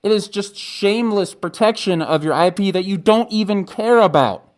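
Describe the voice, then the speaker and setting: A man's voice: high-pitched, normal speed. A man giving opinionated YouTube commentary in a muffled voice, as if through a mask, emphatic and exasperated with casual asides. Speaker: YouTube video essayist. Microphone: webcam setup. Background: music.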